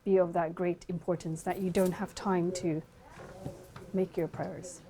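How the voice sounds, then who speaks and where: A Swedish-raised dentist in her twenties speaks softly and reflectively in a documentary interview recorded at her dental practice. Her voice is lowish and her delivery flat and measured, with frequent fillers.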